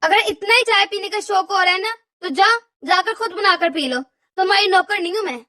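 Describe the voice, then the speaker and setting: A woman's voice: extremely high pitch, a little fast, bright, forceful tone, no echo, recorded from a distance. A woman voicing a put-upon young daughter-in-law in a cartoon, explaining herself in an exasperated, pleading way. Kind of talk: cartoon voice acting.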